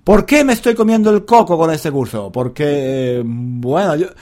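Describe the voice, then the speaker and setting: A man's voice: on the high side, darkish tone. A man teaching Spanish in a casual, rambling monologue. He speaks straight to his listeners, drifts off topic and laughs at himself when he loses his thread. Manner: addresses listeners directly.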